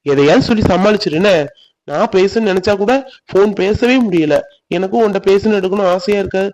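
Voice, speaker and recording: A hurt young man in a cartoon who sulks and then coaxes, voiced by a man. His voice sits a little high, and he pushes his point with insistent, pleading persistence. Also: brisk, darkish tone, close to an everyday voice, low-quality recording. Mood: coaxing. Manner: sulky, pushy, coaxing. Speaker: cartoon voice actor. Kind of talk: animated village drama voicing.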